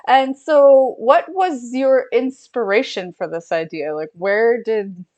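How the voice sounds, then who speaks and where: A woman's voice: fairly high pitch, slow, mellow, highs cut off. An American woman hosts an interview over a video call. She sounds friendly and eager and uses a few fillers. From United States. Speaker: interview host. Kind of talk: hosting an online interview.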